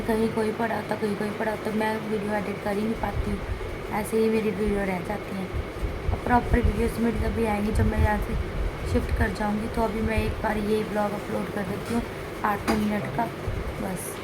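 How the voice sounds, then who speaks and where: Woman vlogging at home, flat delivery. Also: medium pitch. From India. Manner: plain, complaining, straight-talking. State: unwell, in pain. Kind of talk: casual home vlog talk. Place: home room with air conditioner running. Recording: noisy room, air conditioner hum.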